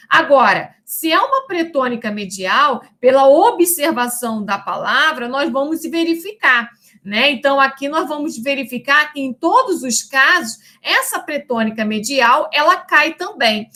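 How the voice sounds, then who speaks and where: Bright, high-voiced woman teaching a lesson. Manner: didactic, checks in with "né?" and "tá?"; stretches out example words slowly. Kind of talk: recorded lecture.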